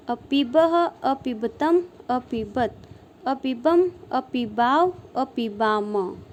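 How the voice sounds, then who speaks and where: Slow, high-voiced woman teacher reciting. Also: darkish tone, a little hiss or hum. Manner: slow, measured recitation of verb forms. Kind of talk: recited grammar lesson.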